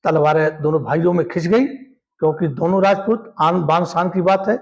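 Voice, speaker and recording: A man telling a history story as a lesson, animated and speaking to his listeners as friends. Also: a little high, brisk, creaky, lo-fi sound.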